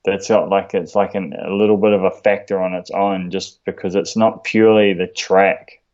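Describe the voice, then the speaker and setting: A man with a broad New Zealand accent chatting casually in a laid-back, slangy, halting way as a podcast guest. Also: deep voice, little pitch movement, a little mellow, lo-fi sound. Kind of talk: casual chat.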